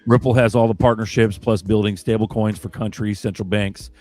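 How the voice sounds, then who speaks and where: A man's voice: fairly low pitch, fairly even intonation, fairly quick, a little mellow, no echo. A man on a casual livestream chat, talking in a laid-back, slangy way and swearing casually. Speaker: co-host.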